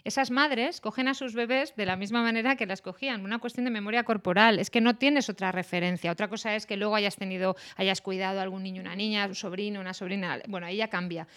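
A woman's voice: medium pitch, fairly even intonation, fast talker, hardly any pauses, fairly bright tone. Thoughtful woman host. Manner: thoughtful, explanatory. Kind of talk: casual chat.

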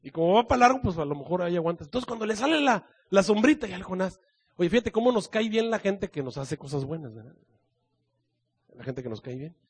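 Mexican preacher telling a bible story real casual and slangy, high husky voice. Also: male voice, fairly quick. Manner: colloquial, animated storytelling with many slangy asides. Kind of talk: sermon.

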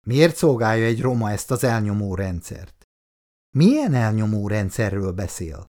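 A man's voice: fairly low pitch, sing-song, warm tone. A man reading the part of a young army lieutenant held prisoner, frightened but defiant, with a tense raised voice. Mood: defiant scared.

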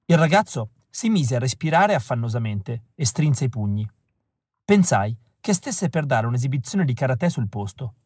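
A male audiobook reader narrating a story in a wry, deadpan way. His voice sits at a middle pitch. The recording is dry and close, with no room sound. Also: moderate pace, husky, dry recording. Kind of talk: scripted narration.

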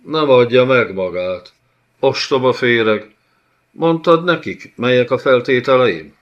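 A man's voice: lowish voice, lively intonation, muffled recording, natural voice. A man playing a thundering, cruel giant overlord. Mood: scornful. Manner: thundering, contemptuous. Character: hateful giant male overlord, cruel and scornful.

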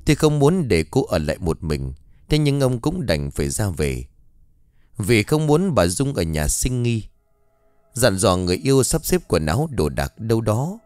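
Expressive male audiobook narrator. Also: lowish voice, moderate pace, dry recording, faint music behind. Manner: expressive, dramatic storytelling. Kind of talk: story narration.

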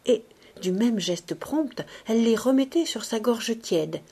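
A woman narrating a classic novel in a measured, expressive reading voice. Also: on the high side, slightly rough. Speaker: audiobook reader.

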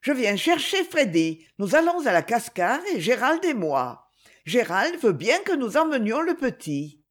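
Woman reader playing a lively, affectionate young noblewoman, raised pitch, animated. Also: measured pace. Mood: eager. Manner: eager, fond, high-spirited.

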